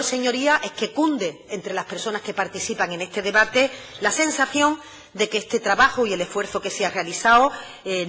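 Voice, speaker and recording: A middle-aged woman delivers a formal address to a parliament with a bright, incisive edge to her voice. She speaks in a measured, emphatic way and pauses on frequent "eh" hesitations. A long reverb trails her words through the chamber. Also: mid-range voice. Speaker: regional finance minister.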